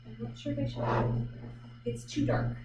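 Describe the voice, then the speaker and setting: Over music, a woman from Vancouver Island, Canada, speaks at a measured pace while demonstrating painting live at an art gallery. She thinks aloud chattily and hesitantly, with lots of fillers. The sound is echoey, captured from a distance with loud background noise.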